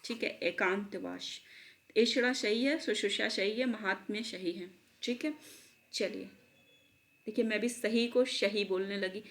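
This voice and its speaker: Woman, exam coaching teacher, online lesson, repeats words slowly, mid-pitched voice. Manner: drills words by repeating them slowly, mixes in English terms. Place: at a laptop.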